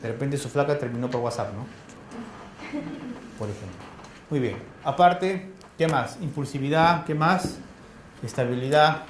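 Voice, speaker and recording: A man with a Peruvian accent giving a classroom lecture, firing quick questions at his students in a colloquial way. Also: medium pitch, a little hiss or hum. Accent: Peruvian Spanish. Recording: echoey classroom.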